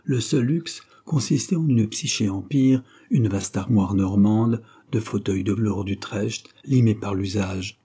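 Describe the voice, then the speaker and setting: A man narrating a classic novel as an audiobook in a steady, measured storytelling manner. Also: lowish voice, husky.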